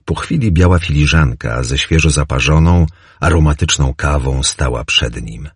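A man narrating a novel as an audiobook, in a measured, descriptive storytelling manner. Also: a bass voice, slightly rough, dry recording. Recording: dry close recording.

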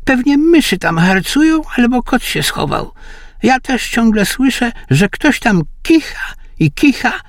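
A man voicing a doddering, oblivious old husband who talks in a high, fussy, doting way. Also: big pitch swings, unhurried, no room sound, studio quality, heavily acted.

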